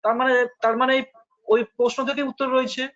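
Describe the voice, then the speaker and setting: Bengali guy with a really high voice, patient spiritual explainer, muffled lo-fi sound. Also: level tone, fast talker, fairly bright tone. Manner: patient, explanatory, uses rhetorical questions. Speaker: spiritual teacher. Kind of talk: philosophical discussion. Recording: dull lo-fi recording.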